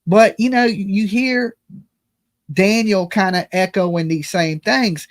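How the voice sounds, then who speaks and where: A man's voice: sits high, takes it slowly. A man hosting a live commentary and call-in show, talking casually in a slangy, folksy way with self-deprecating jokes.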